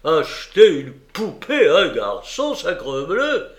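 A gruff old retired army captain, put on by a male reader, bellowing his indignation in a voice pushed higher and louder than the narration. He swears and scolds like a storybook soldier. The reading has a roomy echo around it. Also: huge pitch swings, slow, exaggerated voice. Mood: indignant. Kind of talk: audiobook character reading.

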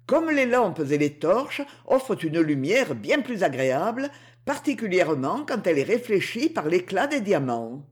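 A woman's voice: fairly low pitch, very animated, normal speed. A woman voicing a coaxing, boastful underworld king. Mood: pleased. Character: underworld king, smooth-talking and possessive. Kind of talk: audiobook character reading.

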